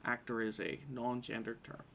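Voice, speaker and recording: This Derry-accented man from Northern Ireland hosts a quiz on a live stream, reading questions informally with wry asides. His gravelly mid-range voice stays level at a moderate pace, and there is background noise.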